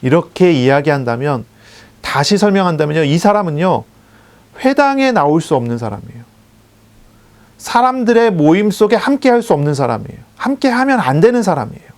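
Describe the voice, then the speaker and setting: A man preaching a sermon as a pastor, measured and explanatory, repeating key phrases for emphasis and asking questions he answers himself. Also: a little high, big pitch swings, a little mellow. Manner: asks the congregation questions and answers them himself.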